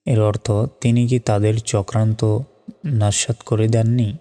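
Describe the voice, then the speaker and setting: Here a man leads a step-by-step Quran recitation lesson, slowly and patiently sounding out Arabic syllables before chanting the verses in a slow, melodic way. His pitch sits fairly low, his tone is warm, his delivery is flat, and a long reverb tail trails his words.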